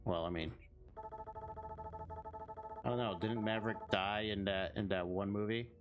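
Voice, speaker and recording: Deep-voiced man narrating a game. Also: moderate pace, muffled recording, soft background music. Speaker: gaming host and narrator. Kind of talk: reading game text aloud, casual commentary.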